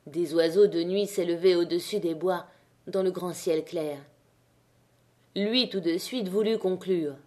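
Reading a classic novel as an audiobook narrator, a woman speaks in a fairly low pitch with a measured, expressive delivery.

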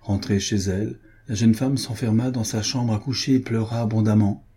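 A man reading a nineteenth-century novel aloud in a measured, literary narration. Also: fairly low pitch, steady tone, warm tone, slightly rough. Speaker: audiobook reader.

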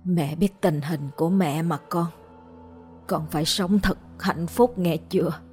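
A woman narrator voicing a frail, dying old mother who speaks softly and slowly in a storybook reading. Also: on the low side, faint music behind, close to an everyday voice. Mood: gentle. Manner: soft, slow, hushed pleading.

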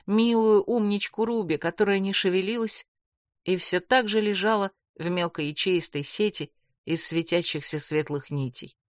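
A woman's voice: fairly low pitch, dry recording. Dramatic woman audiobook narrator, dry close sound. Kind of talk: first-person fantasy audiobook narration.

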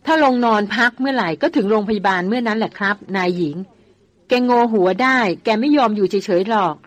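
A woman voicing a loyal older male jungle hunter who speaks softly and politely. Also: mid-range voice, a little fast, natural voice. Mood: worried. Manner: soft, polite.

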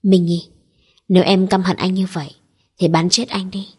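A woman reading the lines of a cold, domineering, possessive young husband in a storybook, calm and commanding. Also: lowish voice, normal speed, breathy edge.

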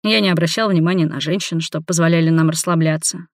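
An audiobook reader giving measured, steady first-person narration. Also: mid-range voice, no echo, studio quality.

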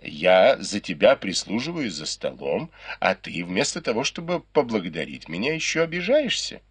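A man reading an audiobook, voicing a sharp-witted noble lady who teases and commands her maids. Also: on the low side, big pitch swings, normal speed, breathy edge, dry recording. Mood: teasing.

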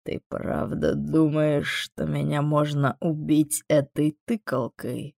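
A woman voicing a calm, mocking male demon in an audiobook, speaking slowly with a gravelly edge. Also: dry recording, studio quality, heavily acted. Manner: slow, low, unhurried and sardonic. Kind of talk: audiobook character voice.

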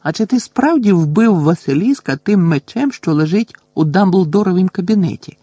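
A man's voice: high voice, animated, moderate pace, mellow, breathy edge, no room sound, voice pushed up. A man voicing an eager, inquisitive schoolboy in an audiobook. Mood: impressed.

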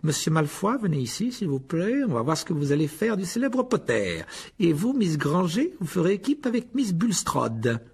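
A man voices a frosty, contemptuous wizard professor from a storybook, drawing his words out slowly. The tone is raised somewhat above the narrator's own and carries a breathy, husky edge. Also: on the high side, very animated, voice pushed up, exaggerated voice. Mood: icy. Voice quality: icy, mocking, slow. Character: cold, sneering adult male wizard teacher.

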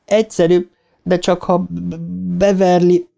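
A man's voice: high voice, darkish tone, faint music behind, pitched above the performer's own voice. A man reading a stuttering boy who leads his group of friends. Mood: eager. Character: stuttering boy, gang leader.

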